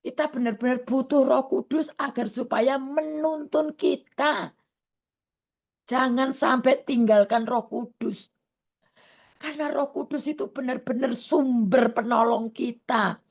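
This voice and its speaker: A woman evangelist preaching a sermon over an online video call, earnest and slow, often stopping on fillers and correcting herself. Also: high-pitched, darkish tone, lo-fi sound.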